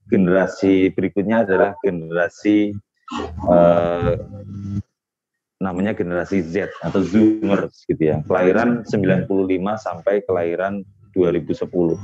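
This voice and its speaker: Deep-voiced man in his forties, lo-fi call. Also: warm tone. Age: 40s. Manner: unhurried, hesitant, frequent fillers and tag questions. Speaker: lecturer and webinar speaker. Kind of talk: webinar talk to parents.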